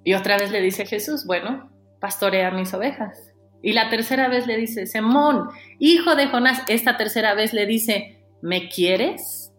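A woman preaching a sermon, animated, acting out the dialogue in a lowered voice. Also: measured pace, roomy sound, faint music behind.

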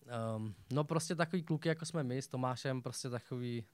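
Man, young adult, talk show guest, rambling, filler-heavy, mid pitch, dry. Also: a little mellow, dry recording. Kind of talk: casual chat.

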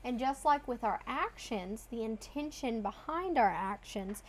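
An earnest woman co-hosts a casual faith chat, explaining her points with a teaching tone. Her voice sits a little high. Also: lively intonation. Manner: earnest, teaching tone with quick asides. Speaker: co-host.

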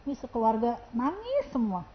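A woman's voice: fairly high pitch, moderate pace, highs cut off, slight background noise. A woman, telling a story as an interview guest and acting out what people said in different voices. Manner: lively, acts out quoted dialogue with shifting voices. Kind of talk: animated storytelling.

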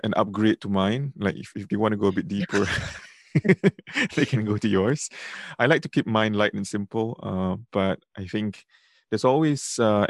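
A man's voice: lowish voice, darkish tone, no room sound, clean studio sound. A man from Singapore with a Singaporean accent, hosting a conversational podcast. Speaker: podcast host.

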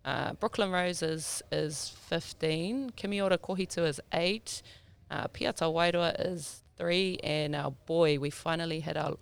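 A woman's voice: deep voice, unhurried, creaky, hardly any pauses, clear, resonant tone. A woman in her thirties with a South Auckland Māori New Zealand accent, chatting informally as a podcast guest and mixing te reo Māori words into English. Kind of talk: casual interview chat.

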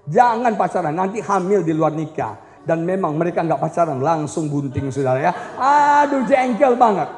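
A man preaching a lively sermon at a church retreat, animated and joking with the congregation as he acts out quotes. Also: very high voice. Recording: echoey hall reverb.

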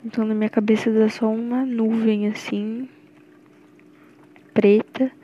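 A woman's voice: fairly high pitch, level tone, measured pace, warm tone, lo-fi sound, a little hiss or hum. A young woman with a Brazilian accent recording a rambling, nervous, affectionate voice message for her girlfriend. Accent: Brazilian Portuguese. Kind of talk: intimate personal voice message.

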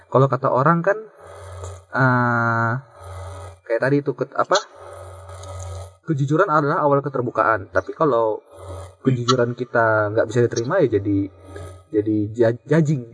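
Husky-voiced man musing in podcast chat. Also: medium pitch, moderate pace, pauses often, fairly bright tone, dull audio. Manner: musing, explains ideas with restarts. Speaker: podcast host.

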